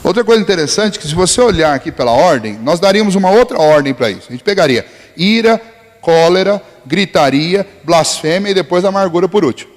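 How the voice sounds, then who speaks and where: A man's voice: sits high, animated, fast, in a large hall. A male pastor with a Brazilian Portuguese accent, preaching a sermon in a conversational style full of rhetorical questions.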